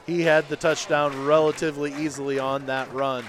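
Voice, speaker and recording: A man calling high school football play-by-play on local radio, building to shouts on big plays and reading sponsor spots. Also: level tone, fairly quick, a loud crowd. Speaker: play-by-play announcer.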